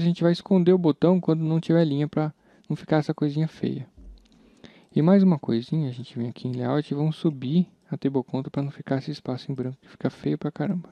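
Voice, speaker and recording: In a casual tutorial captured from his screen, a programming teacher with a Brazilian Portuguese accent chats informally and thinks out loud while working. His voice is a little high, and the dry audio is dull and mildly lo-fi.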